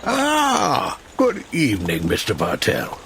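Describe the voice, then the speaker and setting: An actor playing a genial, fussy older gentleman doctor with a raspy voice, in old-time radio comedy style. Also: medium pitch, wildly swooping pitch, takes it slowly, a little hiss or hum, heavily acted. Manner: hearty, old-fashioned, avuncular.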